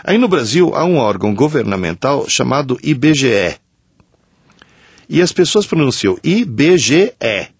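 Older man, gravelly and lively. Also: mid-range voice, moderate pace, no echo. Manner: anecdotal storyteller, reads letters aloud. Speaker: co-host answering listener letters. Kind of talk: casual radio chat.

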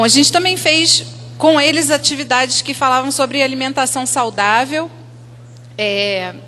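A woman teacher explains classroom work in an even, steady way. Her voice is high-pitched and bright. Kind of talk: presentation of school activities.

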